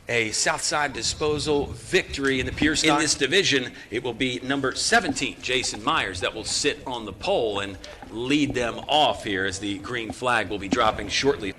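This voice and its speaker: A man's voice: medium pitch, normal speed. An American man calling a live stock car race as play-by-play announcer. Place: outdoor speedway broadcast. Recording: loud outdoor racetrack engine noise. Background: race cars and outdoor ambience.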